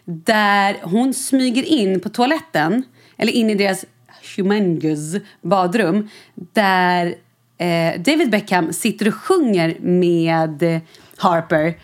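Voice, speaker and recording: A woman in casual chat who throws in quick teasing asides and questions. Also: fairly low pitch.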